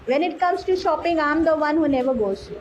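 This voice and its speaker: A woman chats through a conversation practice, her voice sitting high. She fills pauses with "like, you know". Faint noise hums behind her. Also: animated, darkish tone, dull audio. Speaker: English learner.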